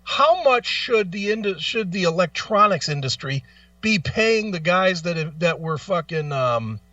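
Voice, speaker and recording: In an opinionated talk-show rant, a man with a high, bright, sing-song voice speaks bluntly, profanely and emphatically, firing off rhetorical questions at an unhurried pace. The audio is dry with no room sound, but a little dull and lo-fi, recorded from a distance.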